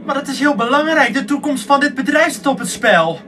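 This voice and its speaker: A man's voice: very high-pitched, expressive, a little fast, fairly bright tone. A man voicing polite, easily offended customers in a comedy sketch. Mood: indignant. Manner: polite, indignant. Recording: noisy background.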